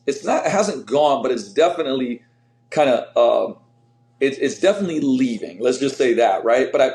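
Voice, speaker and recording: A man's voice: medium pitch, a little mellow. A middle-aged man from Slovenia, a fitness coach talking energetically in a casual interview, with lots of fillers and restarts. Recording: roomy echo.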